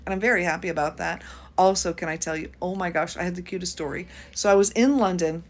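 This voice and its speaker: A woman's voice: lowish voice, fairly even intonation, fast talker. A woman in her fifties from the United States, hosting a casual livestream chat and reading out viewer comments as she talks. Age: 50s. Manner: chatty, reads out viewer comments. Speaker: YouTube host.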